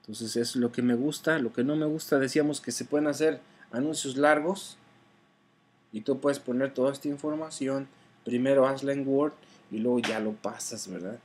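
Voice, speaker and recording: His voice is husky and medium-pitched, with fairly even intonation and a moderate pace. As an online instructor, he walks his listener through car sales conversationally, frequently asking "¿verdad?", using fillers and correcting himself along the way.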